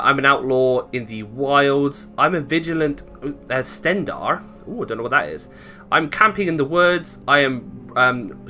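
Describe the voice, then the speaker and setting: The British gaming host's voice is a little high, bright, and forceful as he rambles casually through a playthrough, thinking aloud. Video game music plays in the background.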